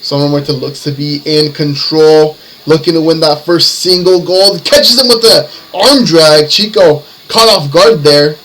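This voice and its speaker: A man's voice: on the high side, measured pace, hardly any pauses, a bit bright, rough recording. A man working as a lucha libre announcer, calling wrestling play-by-play in short, building phrases. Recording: music behind the commentary. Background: music.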